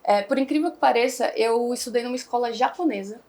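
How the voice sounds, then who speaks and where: A young Brazilian woman, the founder of an online English school, chats casually as an interview guest, rambling and using many fillers. Her voice is a little high and a little mellow, and she talks fast.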